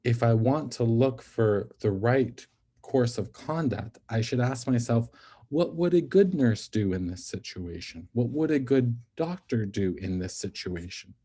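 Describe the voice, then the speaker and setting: A man's voice: medium pitch, lively intonation, unhurried, dark tone, husky. A man giving an ethics lecture in an explanatory manner, often checking in with the listeners as he works through each idea. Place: NICU physician.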